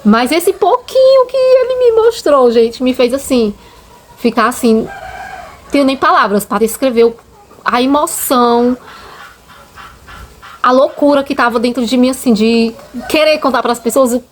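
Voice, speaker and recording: A high, animated female voice moves a little slowly, over a slight hiss or hum. A Brazilian channel host with children, she has a Brazilian Portuguese accent and shares her faith testimony in an emotional, sincere, conversational way, frequently addressing viewers as "gente."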